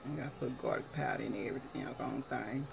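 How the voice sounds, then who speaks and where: A woman's voice: rumbling low, fast talker, gravelly. A middle-aged woman chatting casually to the camera during a mukbang, talking between bites as she eats. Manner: mukbang eating, talking between bites with mouth often full. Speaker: mukbang vlogger. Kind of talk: casual chat to camera while eating. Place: small wood-panelled room indoors at home.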